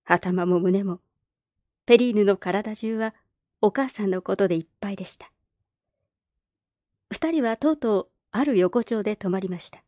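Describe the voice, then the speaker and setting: A woman narrating a classic novel aloud in a calm, measured storybook reading. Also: mid-range voice, no echo, studio quality.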